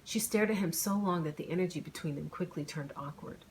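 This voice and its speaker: A woman's voice: fairly low pitch, a little fast, slight background noise. Woman reading her own romance novel. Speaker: author narrating her own audiobook. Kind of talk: audiobook narration.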